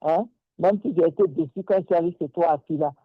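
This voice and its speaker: A woman's voice: fairly low pitch, fast, no room sound. An Ivorian woman delivers fiery political commentary, indignant and insistent, driving each point home by saying it again. Her voice comes through a narrow, tinny phone-like line with no room sound at all. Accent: Ivorian French. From Côte d'Ivoire.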